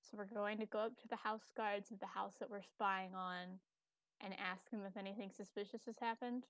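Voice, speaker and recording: A woman in a tabletop role-playing game asks skeptical questions in casual banter with the group. Her voice sits at a middle pitch. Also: fairly even intonation, normal speed, fairly bright tone, dry recording.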